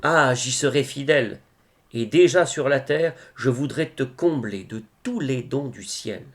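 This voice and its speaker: Devotional poetry is recited by a man whose pitch is medium; the style is solemn, and the phrasing is careful and expressive, punctuated by pauses.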